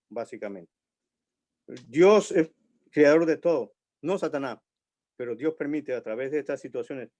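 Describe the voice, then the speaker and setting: A man preaching a sermon in a church, slow and emphatic, building on repeated phrases. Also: on the high side, darkish tone. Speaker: pastor.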